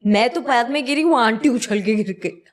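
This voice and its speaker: A young woman with a fairly high, bright voice, guest on an interview show. She tells stories from the set in an animated way and slips English phrases into her talk. It is a relaxed, casual chat. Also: normal speed. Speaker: TV actress, guest.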